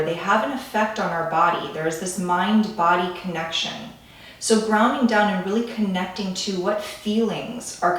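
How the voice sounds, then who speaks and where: A woman leading a calm grounding meditation in a gentle, soothing way, with pauses between phrases. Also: on the low side. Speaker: meditation guide. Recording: echoey room, distant from the mic.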